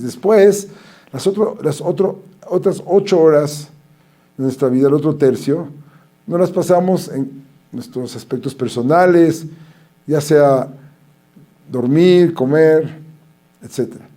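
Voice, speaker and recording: A man delivers a rabbi's Torah lecture. His voice sits somewhat high but sounds warm and mellow. He tells his stories with animation and slips into the voices of the people he quotes.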